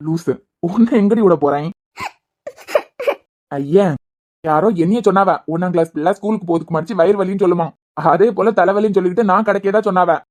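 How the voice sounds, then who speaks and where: A man's voice: sits high, a little fast, darkish tone, natural voice. A man with a Kanyakumari Tamil accent voicing an affectionate young husband in a cartoon web series, teasing and reassuring.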